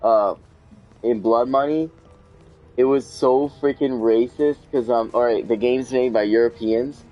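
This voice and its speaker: A man's voice: medium pitch, steady tone, unhurried, highs cut off, faint music behind. Young man rambling over a game. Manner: swears a lot, rambling and laughing. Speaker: gamer. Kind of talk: casual let's-play chat.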